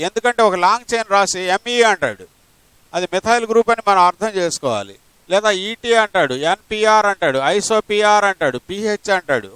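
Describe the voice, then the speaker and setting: High-voiced male chemistry teacher lecturing. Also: fairly bright tone, clear, resonant tone, no echo, low-quality recording. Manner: explains step by step, asks rhetorical questions; mixes English terms into his talk. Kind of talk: classroom lecture.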